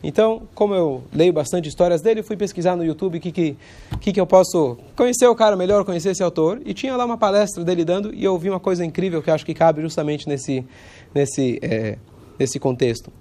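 This man's voice is high and warm, though roughened by a cold. He delivers a casual, conversational religious lesson, stopping now and then to find the right word.

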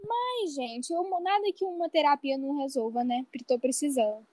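High-voiced young woman telling an anxious tale. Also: fairly quick, dark tone, no room sound. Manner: anxious, self-mocking storytelling. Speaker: podcast co-host. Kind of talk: casual podcast chat.

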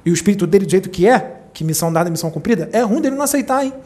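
A spiritual teacher gives a talk to a small group, telling stories animatedly and acting out the voices of the people in them with big jumps in pitch. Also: rapid-fire. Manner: animated storyteller, acts out quoted voices with big pitch leaps.

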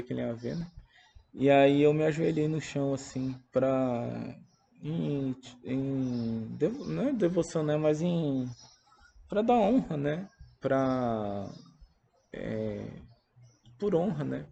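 A Brazilian Portuguese-speaking man giving a halting, earnest and reflective spoken testimony about a personal religious experience. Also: mid-range voice, creaky, dark tone, muffled recording, slight background noise. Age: adult parent.

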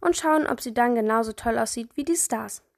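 Lady reading as a keen little boy, high eager voice, storybook style. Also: brisk, gravelly. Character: excited young boy with big ideas.

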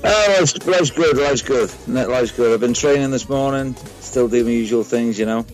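A man with a British accent chatting casually as an interview guest over an internet call, halting and repeating himself. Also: medium pitch, soft background music, poor audio. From United Kingdom. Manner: halting, repeats words and phrases. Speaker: boxing trainer, interview guest. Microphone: Skype call. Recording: internet call on a radio show.

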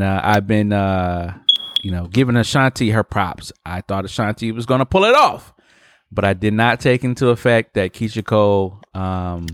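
A man's voice: fairly low pitch, dry recording. A man in his late twenties hosting a casual podcast chat, laid-back and tacking "man" onto his sentences. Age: 20s. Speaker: podcast host.

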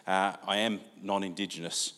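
Deep-voiced and moving at a moderate pace, an older Australian man gives a sermon as a preacher. He is easygoing and conversational, with plenty of fillers, heard in a church hall with long reverb.

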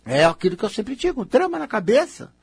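A man's voice: sits high, very animated, a little fast, breathy edge, no room sound. A middle-aged man with a Brazilian Portuguese accent, coaching a participant in a live counseling session in a teasing, emphatic, coaxing way.

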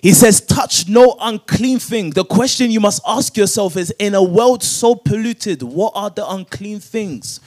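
High-voiced man preaching a sermon. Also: expressive, a little slow, few pauses, darkish tone. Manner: preaching, repeats verses with rising emphasis. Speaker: pastor. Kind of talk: sermon with call-and-response scripture reading.

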